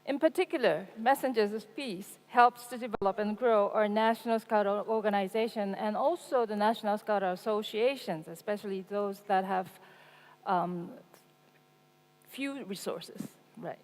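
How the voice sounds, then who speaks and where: A woman's voice: medium pitch, normal speed, a little mellow. A woman moderating a conference panel, earnest, with nervous laughs and fillers. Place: large conference hall. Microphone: handheld microphone. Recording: echoey conference hall.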